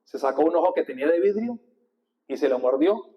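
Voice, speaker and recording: Man, priest, fairly high voice, sermon, handheld mic, call-and-response teaching. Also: fairly quick, highs cut off. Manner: animated, coaches the congregation to repeat with hand gestures. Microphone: handheld microphone.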